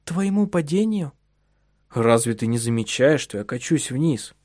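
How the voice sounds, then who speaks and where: A man narrating a novel as an audiobook in calm, even storytelling, voicing the husband in his own register. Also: medium pitch, moderate pace, dry recording, clean studio sound.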